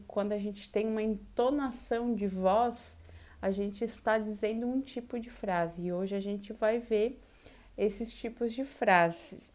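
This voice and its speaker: Patient Brazilian teacher explaining slowly. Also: female voice, medium pitch, a little mellow. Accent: Brazilian Portuguese. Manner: slow and explanatory, with exaggerated question intonation to demonstrate. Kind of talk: online Portuguese class lesson.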